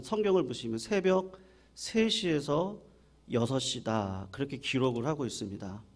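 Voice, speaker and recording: A male pastor delivers a Sunday morning sermon at a church service. His voice sits somewhat high and moves through a wide, lively melodic range. He tells the story with animation and keeps turning to the congregation with questions. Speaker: senior pastor.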